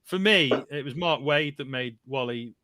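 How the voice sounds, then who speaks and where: Bright-voiced enthusiastic man. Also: mid-range voice, moderate pace, dry recording. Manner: enthusiastic, laughs often. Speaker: podcast co-host. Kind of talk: casual chat.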